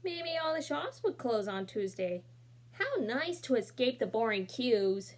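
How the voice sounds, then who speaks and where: Reading a children's picture book aloud in a small room, a young woman adds expressive flair and casual asides as a laptop camera records. Her voice sits on the high side and she goes a little slow.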